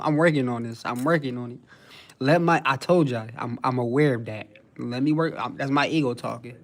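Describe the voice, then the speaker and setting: A man's voice: a little high, fairly bright tone. A young man, talking casually to his livestream chat. He brags in heavy street slang, swears freely and reads out viewers' messages as he goes. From New Jersey. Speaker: livestream host.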